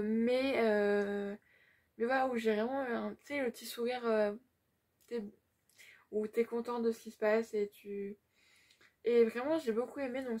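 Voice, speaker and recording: A woman's voice: a little high, darkish tone. A young woman giving a casual, chatty book-vlog update, gushing with lots of fillers. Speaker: book vlogger.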